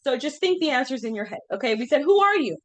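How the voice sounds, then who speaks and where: A woman in her thirties leads a small class in a slightly high voice, chatting loosely and tossing questions to the group. She leans on fillers as she talks, keeping things relaxed and conversational. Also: quick pace. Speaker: class teacher. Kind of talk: informal class lesson.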